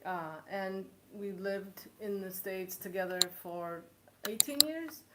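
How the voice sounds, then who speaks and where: A woman in her forties from Poland hosts a live cooking stream, chatty and quick to joke and laugh. Her voice sits at an ordinary middle pitch, and the sound carries the echo of a bare room. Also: lively intonation, very noisy. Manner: chatty, laughs often, joking. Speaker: cooking show host. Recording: echoey room.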